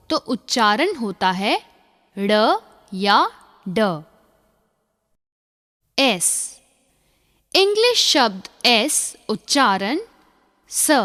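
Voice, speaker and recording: A woman narrating a phonics lesson in a slow, deliberate and measured scripted manner. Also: a little high, a bit bright, long reverb tail. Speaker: phonics teacher.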